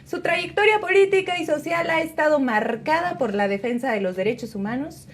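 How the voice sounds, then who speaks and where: A woman's voice: sits high, brisk. A woman hosting an interview in a studio, reading a formal introduction before asking questions. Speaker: interview host. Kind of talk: scripted introduction then interview.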